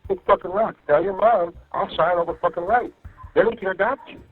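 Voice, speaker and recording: Here an incarcerated man talks to his partner by phone, swearing casually as he vents. He has a high, slightly rough voice and speaks fairly quickly, rambling and repeating himself with "you know what I mean" to make sure he's followed. The call is muffled, with faint music behind it.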